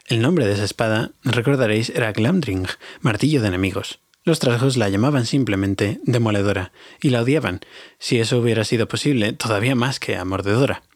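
In a husky, lowish voice, a man reads a fantasy audiobook aloud as storytelling narration. He's warm and confiding, addressing listeners directly, and the studio-quality recording has no room sound.

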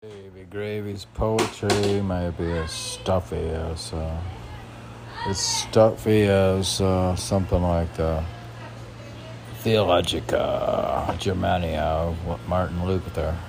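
Reading and remarking on his own poetry, a man speaks slowly in a low, steady voice against background noise. His commentary drifts into casual, rambling asides, many of them questions he seems to put to himself.

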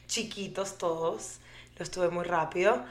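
A woman's voice: lowish voice, measured pace. A woman, chatting as an interview guest and dropping English phrases. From Venezuela. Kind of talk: conversational interview.

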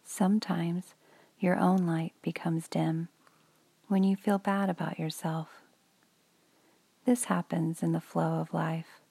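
Leading children through a meditation, this woman uses a soft, whispery delivery that is slow and calming. Her low, gravelly, dark voice moves at an even, unhurried pace, recorded close and dry without any room echo.

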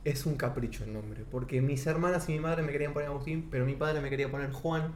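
A man's voice: a little high, quick pace. A young man with an Argentine accent tells his faith testimony in a casual interview, earnest and often restarting his sentences. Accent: Argentine Spanish. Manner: earnest, searching for words with many restarts. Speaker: guest giving testimony. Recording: echoey room with faint background noise.

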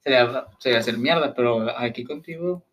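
A man's voice: mid-range voice, brisk, fairly bright tone. A young man with a Mexican accent in casual chat, joking and asking questions. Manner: joking, curious, asks questions.

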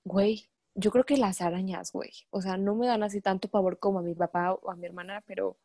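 A young woman with a Mexican Spanish accent chats with friends in a slangy, animated storytelling style. Her voice sits at a middle pitch. The sound is dry and close. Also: a little fast, no echo. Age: young adult. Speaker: student. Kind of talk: casual chat among friends.

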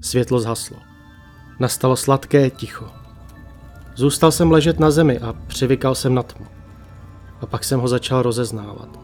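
Hushed male horror-story narrator. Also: medium pitch, steady tone. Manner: slow, hushed dramatic telling with long pauses. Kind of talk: creepypasta narration. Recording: faint music bed.

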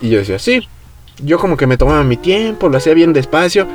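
A young podcast host with a Mexican Spanish accent tells a story in relaxed, slangy chat, acting out the voices of the people he quotes. He speaks fast, at a fairly high pitch.

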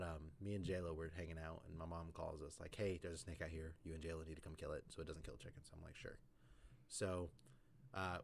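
A man's voice: deep voice, vocal fry, slight background noise. A man casually telling a long personal story on a podcast, full of fillers and "like". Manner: rambling, filler-heavy storytelling with lots of "like". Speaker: podcast co-host.

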